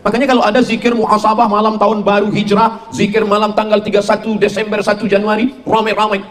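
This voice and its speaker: A middle-aged man giving a humorous sermon to a congregation, animated and full of mimicry. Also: quick pace. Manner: animated, mimics voices for jokes, shifts between high and low pitch. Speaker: Islamic preacher.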